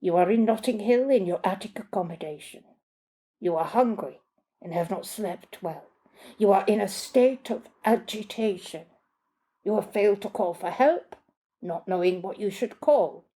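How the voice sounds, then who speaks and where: A woman's voice: medium pitch, normal speed, warm tone, natural voice. A woman reading the lines of a courteous older male butler with precise, formal diction. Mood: calm.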